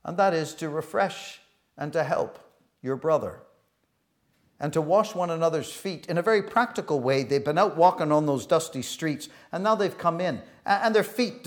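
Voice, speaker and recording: Earnest man preaching with halting restarts. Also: on the high side. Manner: swings between soft reflective and loud emphatic. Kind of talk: sermon.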